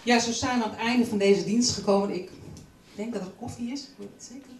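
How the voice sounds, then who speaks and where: A woman's voice: on the high side, fast talker. A woman casually closing a church service with announcements. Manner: casual, relaxed. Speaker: service leader. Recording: roomy church sound from far off.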